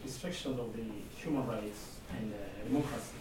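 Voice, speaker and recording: A man from Zanzibar with a Tanzanian accent, making a halting, earnest comment from the floor at a seminar. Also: fairly low pitch, a little mellow. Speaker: audience member commenting. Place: seminar room. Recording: very echoey, distant mic, noisy room.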